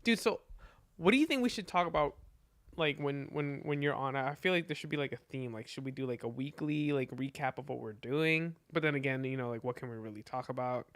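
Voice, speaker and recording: A man hosting a relaxed podcast with a gravelly, slightly fried voice. The sound is dry and close-miked. He talks loosely, laughs often and leans on fillers. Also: medium pitch, a little fast, no echo. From Philippines. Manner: laid-back, laughing, filler-heavy. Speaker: podcast host. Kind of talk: casual chat.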